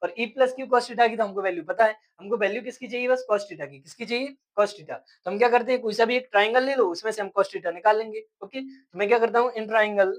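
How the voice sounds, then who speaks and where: A man's voice: high-pitched, a little fast, few pauses, low-quality recording. A man teaching a physics lecture step by step, asking questions and answering them himself. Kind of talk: classroom lecture.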